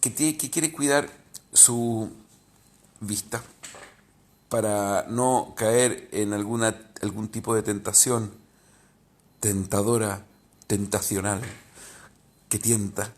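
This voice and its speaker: A man's voice: on the low side, steady tone, takes it slowly, long pauses, a little mellow. A man, a rabbi giving an informal spiritual talk, candid and reflective, often hesitating and restarting.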